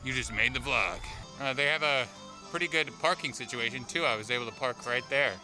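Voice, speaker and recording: A man's voice: medium pitch, fairly quick. Joking man vlogging in a theme park. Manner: chatty and joking. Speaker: vlog host. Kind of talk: casual vlog narration. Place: outdoors in an amusement park. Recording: outdoor vlog with loud park music.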